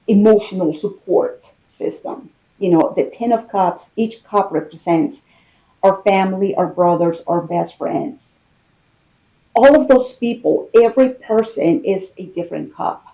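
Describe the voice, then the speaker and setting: A woman reads tarot cards in an intimate, unscripted way. Her voice is mellow and dark-toned at an average pitch for a woman. She speaks very slowly, thinking aloud and circling back over phrases. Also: rough recording. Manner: hesitant, musing, with pauses and repeated phrases. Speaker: tarot card reader.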